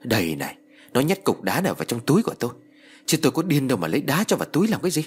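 A man's voice: medium pitch, wildly swooping pitch, racing, a little hiss or hum, voice pushed up. A man voicing a frightened middle-aged village man who stammers and pleads in an audio story. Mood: shaken.

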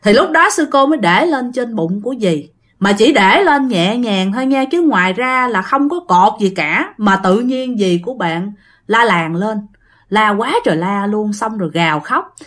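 A woman's voice: mid-range voice, expressive, moderate pace, fairly bright tone. Chatty woman storyteller. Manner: chatty, addresses listeners directly. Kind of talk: ghost story narration.

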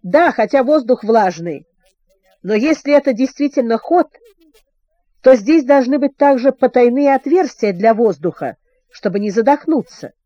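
A woman voicing an adventurous teenage boy who calmly leads his friends and speaks eagerly. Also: a little high, normal speed, dry recording, muffled recording.

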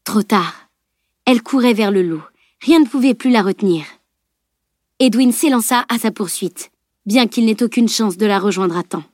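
A woman reading a novel aloud as audiobook narrator, in a measured, even storytelling voice. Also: a little high, no echo, studio quality.

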